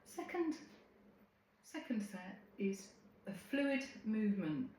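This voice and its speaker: A woman instructor giving serene, gentle, unhurried cues in a live tai chi and qi gong class. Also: medium pitch, very animated. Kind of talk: live movement class instruction, calm cueing. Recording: very echoey room, faint background noise.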